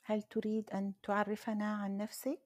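A woman's voice: mid-range voice, completely flat delivery, brisk, a little mellow, dry recording, clean studio sound. A woman hosting a live Arabic lesson in an audio chat app, patiently prompting and correcting a learner. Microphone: phone in an audio chat app.

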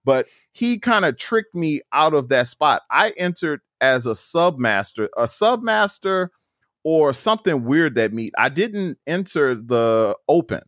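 Animated storytelling man in his forties. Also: a little high, measured pace, dry recording, clean studio sound. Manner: lively storyteller who acts out the dialogue in his stories. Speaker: guest powerlifter. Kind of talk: casual podcast storytelling.

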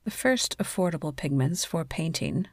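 A woman narrating a scripted sleep story in a soothing, measured bedtime delivery. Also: sits low, animated, no echo, studio quality.

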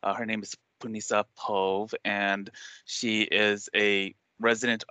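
A man's voice: fairly low pitch, little pitch movement, a little slow, bright, forceful tone, smooth, no room sound. A man hosting a podcast interview, asking questions in an earnest, respectful way. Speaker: podcast host.

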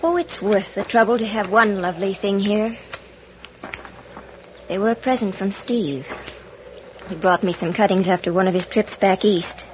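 Actress as a proud, weary Western widow, muffled recording. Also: female voice, medium pitch, moderate pace, pauses often, darkish tone, lightly acted. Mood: guarded, bitter. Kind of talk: 1950s radio Western acting. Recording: dull, noisy old radio recording.

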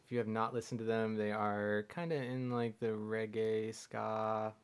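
A man chatting casually as a podcast guest, relaxed, with many fillers. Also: on the low side, clean tone. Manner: relaxed, fillers, quick bursts. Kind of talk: casual chat.

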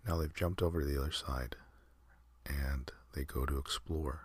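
A man telling a calm ASMR sleep story, counting in a soft, half-whispered, unhurried way. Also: rumbling low, slightly rough, dry recording.

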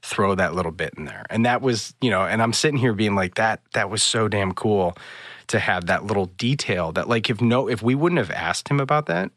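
A man co-hosting a casual chat show, telling a story with excitement and acting out the quotes. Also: lowish voice, moderate pace, no echo, clean studio sound. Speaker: podcast co-host.

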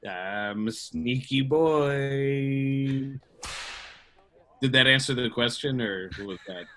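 A man's voice: mid-range voice, slow, sharp tone, a little hiss or hum. A man improvising at a mock press conference, ranting and swearing in a jokey way. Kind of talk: improv comedy.

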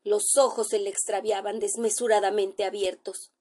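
A woman's voice: mid-range voice, level tone, moderate pace, a little mellow. Woman narrating a classic ghost story.

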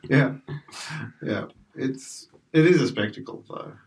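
Laid-back Australian male co-host with a gravelly voice, recorded a bit off-mic. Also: mid-range voice, slow, a little mellow. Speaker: podcast co-host. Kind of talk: casual chat. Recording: slightly distant mic.

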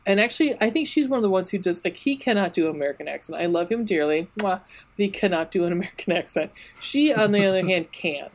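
A woman's voice: lowish voice, lively intonation, quick pace, a little hiss or hum. A woman co-hosting a podcast in casual chat, gushing and rambling with restarts, swearing freely. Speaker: podcast co-host.

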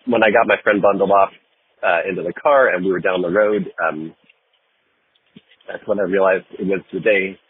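A man's voice: low-pitched, moderate pace, long pauses, breathy edge. A man leaving a hesitant voicemail over the phone, full of ums and uhs. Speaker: caller. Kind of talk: recorded voicemail story. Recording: tinny phone line with faint noise.

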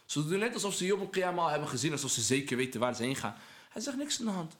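A man's voice: a little high, sing-song, very fast, a bit bright. A man speaking as a podcast guest, earnest and persuasive, preaching about patience and anger and mixing Arabic religious phrases into his talk. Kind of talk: casual podcast conversation, preaching tone.

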